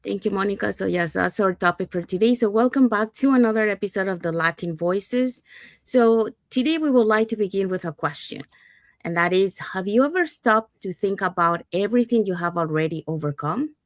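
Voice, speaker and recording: A woman's voice: mid-range voice, fairly quick, no echo, studio quality. A woman from Panama hosting a live online panel talk in an upbeat way, often linking her thoughts with "so" and "you know," over a video call. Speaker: host.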